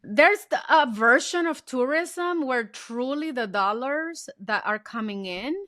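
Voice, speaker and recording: In a podcast interview, a guest author from the Dominican Republic speaks in a high, bright, forceful voice at a measured pace. She is animated, earnest, and reflective, building toward passionate points, and the recording is dry with no room sound.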